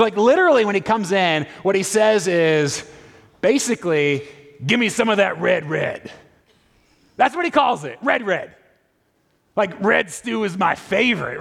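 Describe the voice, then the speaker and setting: Man, pastor, high and animated pitch, casual chatty sermon delivery, long hall reverb. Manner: casual, animated, many fillers and restarts. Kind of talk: conversational sermon.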